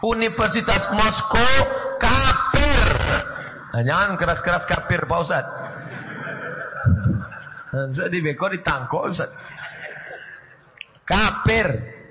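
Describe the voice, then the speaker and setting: A man preaching a sermon in a mosque, telling lively stories with jokes and quoted foreign phrases. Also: fairly high pitch, slow pace, pauses often. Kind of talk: sermon to a congregation. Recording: dull lo-fi recording with clear background noise.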